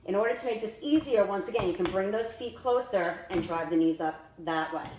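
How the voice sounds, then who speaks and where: Beside an indoor staircase, a woman leads a workout, calling out directive, step-by-step cues as a fitness instructor. She talks fairly quickly in a medium-pitched, slightly mellow voice, and the recording has echo and faint noise.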